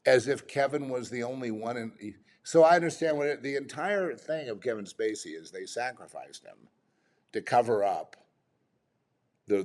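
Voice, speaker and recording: A man's voice: mid-range voice, darkish tone. A man giving off-the-cuff commentary, rambling and exasperated, full of restarts and rhetorical questions.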